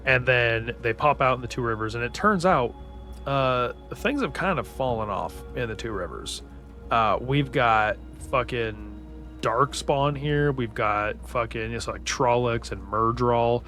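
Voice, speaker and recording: A man's voice: mid-range voice, a little slow, fairly bright tone. Profane, slangy young man recapping a book. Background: faint background music.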